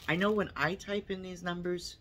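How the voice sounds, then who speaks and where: A woman's voice: fairly low pitch, steady tone, normal speed, a bit bright, a little hiss or hum. A woman vlogger unboxing her yearly yarn haul at home, chatting unhurriedly and reading out the labels. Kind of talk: casual unboxing chat.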